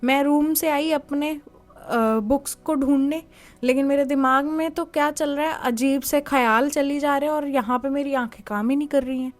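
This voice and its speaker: A woman giving a conversational motivational talk. She asks the listener rhetorical questions and guides them through calm, step-by-step exercises. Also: high voice, moderate pace. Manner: gives calm step-by-step guidance. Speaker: motivational speaker.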